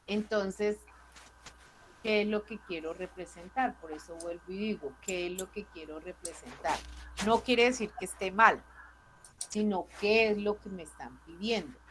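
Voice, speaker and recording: A woman teaches over a video call, speaking slowly and patiently. She keeps checking that her students follow along. Her voice sits at an average pitch, with a faint hiss behind it. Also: poor audio. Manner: patient, checks understanding with frequent questions. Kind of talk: online class explaining spreadsheet charts.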